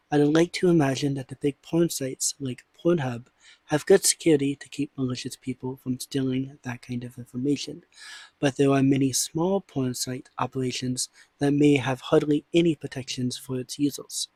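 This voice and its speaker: A man delivering scripted commentary in a measured, formal way, as an online content creator. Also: medium pitch, a little mellow, no echo, rough recording. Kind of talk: scripted commentary, reading and responding to statements.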